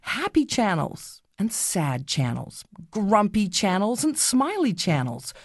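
Slow, expressive woman guiding a children's meditation. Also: medium pitch, gravelly, no echo, clean studio sound. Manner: slow, soothing, gently instructing. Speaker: guided relaxation narrator for children. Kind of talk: scripted guided meditation story.

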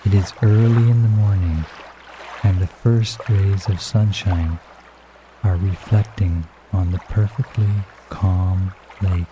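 A man narrating a guided relaxation in a soft, hushed, calm and unhurried way, as a meditation guide. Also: low voice, over music. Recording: dull, roomy, echoing sound.

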